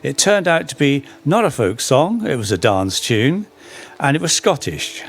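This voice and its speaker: A man's voice: medium pitch, very animated, unhurried. A man giving a storytelling talk about folk song history, anecdotal and full of wry humorous asides.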